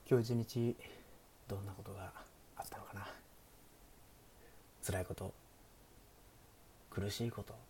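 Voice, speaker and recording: A man with a low, mellow voice talks sleepily, as on a bedtime stream. He keeps it hushed and often drops to a near whisper. A faint hiss sits behind him. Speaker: streamer, show host.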